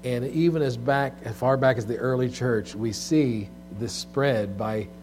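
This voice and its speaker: A man delivers a sermon at a pulpit microphone in a medium-pitched voice. His delivery is deliberate and measured, with pauses between phrases. A clear electrical hum runs under the recording. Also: darkish tone. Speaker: pastor preaching to a congregation. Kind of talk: sermon with scripture reading and prayer. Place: church service, speaking from the pulpit. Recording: clear background mains hum.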